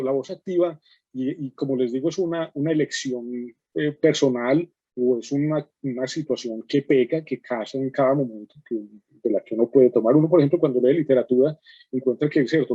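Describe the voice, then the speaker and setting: A man lecturing in a writing workshop, explaining step by step and often checking in with his listeners. His voice is mellow and a little husky. The recording is dry and dull. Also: mid-range voice, dry recording. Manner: explanatory, frequent "¿cierto?" and fillers.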